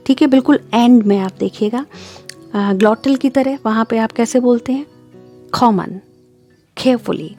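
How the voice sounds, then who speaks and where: A woman giving a spoken lesson, explaining and slowly demonstrating English pronunciation. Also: on the high side, a little mellow. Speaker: English teacher.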